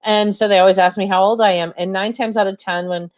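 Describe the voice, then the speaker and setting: A woman's voice: medium pitch, steady tone, fast talker. Chatty woman in her forties, lo-fi. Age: 40s. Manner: joking, chatty, reads comments aloud. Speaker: co-host of live show. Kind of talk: casual live stream chat.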